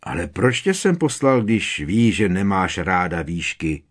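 A man's voice: low-pitched, very animated. A man voicing a polite, curious teenage boy wizard in a storybook, asking plain, puzzled questions.

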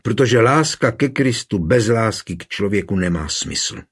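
A man voicing a poor, worn young woman who speaks softly but earnestly. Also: on the low side, expressive, slightly rough.

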